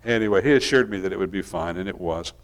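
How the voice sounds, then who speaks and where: Male minister, middle-aged, lower register; easygoing storytelling sermon with loose restarts. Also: fast. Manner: relaxed, folksy storytelling with frequent restarts.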